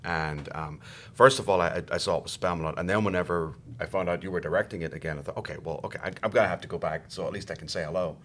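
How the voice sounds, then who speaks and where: A man's voice: deep voice, very fast, fairly bright tone, slight background noise. A middle-aged Irish man chatting as a podcast guest, hesitant and self-deprecating, often repeating words as he goes. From Ireland. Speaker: guest actor. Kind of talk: casual podcast chat.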